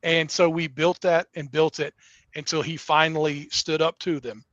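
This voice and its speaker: Middle-aged male wrestling promoter, earnest and rambling, slightly high voice, muffled dry recording. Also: little pitch movement, normal speed, fairly bright tone, dry recording. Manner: earnest, rambling with many restarts. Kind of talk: casual interview talk.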